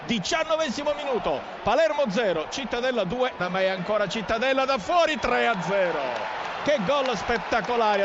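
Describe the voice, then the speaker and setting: A man gives live football goal commentary in an extremely high-pitched voice. He is breathless and emphatic. A noisy stadium crowd surrounds him on a lo-fi broadcast line. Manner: breathless, emphatic, excited delivery. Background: stadium crowd noise.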